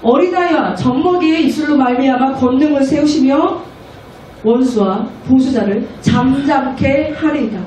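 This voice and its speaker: A woman missionary preaching a sermon at a prayer meeting, animated, often acting out children's voices. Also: high voice, moderate pace, slight background noise. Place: church hall. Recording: echoey room, mic far off.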